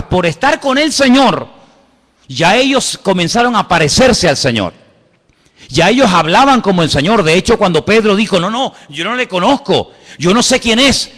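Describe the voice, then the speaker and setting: Animated Spanish pastor in a reverberant hall. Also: male voice, on the high side. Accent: Spain Spanish. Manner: animated preaching with rhetorical questions and sudden soft asides. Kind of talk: sermon. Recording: church hall with long reverb.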